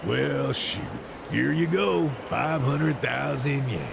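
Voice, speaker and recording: A man voicing a brash, playful, cocky brawler in a video game, with loud music over the voice. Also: medium pitch, slow pace, creaky, noisy background.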